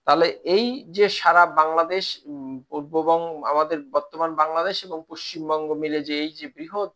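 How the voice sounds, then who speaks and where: A man teaching a Bengali language class to polytechnic students, explaining step by step and pausing often with "ah" fillers. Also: a little high, bright, forceful tone. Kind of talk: recorded online lecture.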